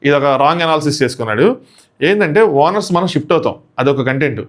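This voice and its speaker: A man giving casual commentary on a reality show, animated and quick, with a Telugu accent, mixing in English phrases. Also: on the high side.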